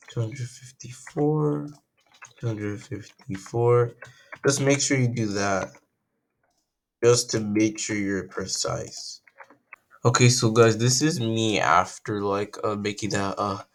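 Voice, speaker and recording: At his computer, a young man whose voice is croaky from just waking up talks through a relaxed coding tutorial. He thinks out loud, corrects himself as he goes, and his voice sits on the low side.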